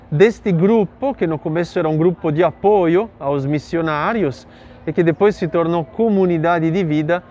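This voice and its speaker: Italian priest man talking slow and thoughtful, bit high voice, kinda dull sound w faint street noise behind. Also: darkish tone. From Italy. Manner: thoughtful, with fillers and tag questions. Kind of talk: interview answer, telling his story.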